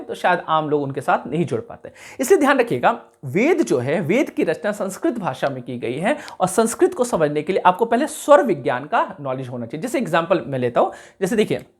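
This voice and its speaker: A man teaching a class, explaining carefully, repeating key sounds slowly and checking whether his students follow. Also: high-pitched, slightly rough. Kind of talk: classroom lecture.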